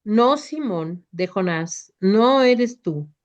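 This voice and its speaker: A woman voicing Jesus as a calm, merciful male teacher who instructs gently and solemnly in a devotional reading. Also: medium pitch, very slow. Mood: gentle. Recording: dull lo-fi recording.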